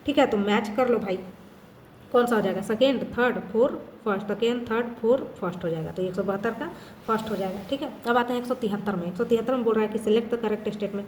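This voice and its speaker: Woman tutor going through quiz answers, reads each line slow then answers quick, echoey room, faint hum behind. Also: medium pitch, a little mellow. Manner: reads question statements out slowly, then answers briskly; mixes English terms into her talk. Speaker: teacher solving a test. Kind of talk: casual explanatory teaching.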